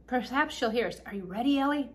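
A small, kindly doll king who sounds forever at a loss, voiced by a woman reading a storybook. His talk is soft and fussing, with a lift in pitch when he pleads. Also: expressive, fast, lightly acted. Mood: helpless. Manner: helpless, fussing.

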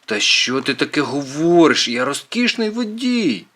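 A brash, boastful teenage boy who gets excited easily, as a man reads him in an audiobook. His voice is pushed up above a grown man's and jumps around a lot in pitch. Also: a little slow, exaggerated voice. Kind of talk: audiobook character voice.

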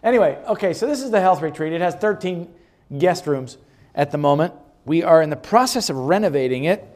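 A man giving a chatty, relaxed presentation about a health retreat to a church group, showing slides and chuckling often. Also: on the high side, fairly quick. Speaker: guest speaker presenting a health retreat ministry. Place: church meeting room.

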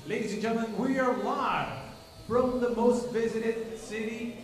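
A ring announcer at an indoor boxing venue introduces a bout in two languages over a handheld mic, theatrically drawing out the names like a lucha libre announcer. His voice is very high-pitched and measured, and the distant mic picks up an echoey PA with long reverb and a crowd.

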